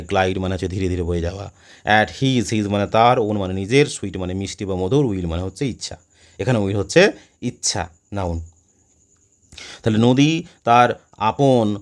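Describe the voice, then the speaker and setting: A man teaching a poem with a Bengali accent, asking questions and then answering them himself, often restarting words. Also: fairly low pitch. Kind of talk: poetry lesson explanation.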